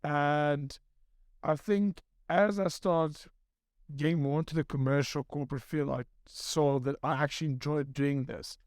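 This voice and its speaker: Man in his thirties from South Africa, slightly high voice, dry close mic, loose and rambling. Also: unhurried, dry recording. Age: 30s. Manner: relaxed, rambling storytelling with repeats. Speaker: guest photographer. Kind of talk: casual panel chat.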